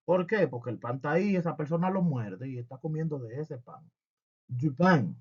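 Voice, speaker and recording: A man's voice: a little high, expressive, moderate pace, a little mellow, breathy edge, lo-fi sound. A man teaching a French lesson with humor, asking and answering his own questions.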